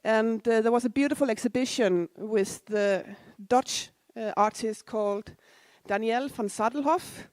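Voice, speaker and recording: This conference speaker, a woman in her forties from Denmark, is casual and self-deprecating on stage in a conference hall, with asides to the audience. She talks unhurriedly with hardly any pauses, in a fairly high, darkish voice without room sound.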